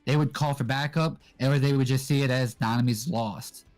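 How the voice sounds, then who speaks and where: A young man guesting on a casual anime discussion, explaining in a relaxed way with lots of fillers. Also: mid-range voice, moderate pace, faint music behind. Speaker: guest co-host.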